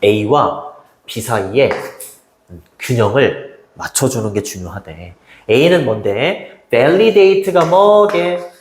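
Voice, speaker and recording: A man teaching an English lesson to high school students in a chatty way, often checking in with them. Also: very slow, echoey room. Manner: lively, chatty, keeps asking students "right?".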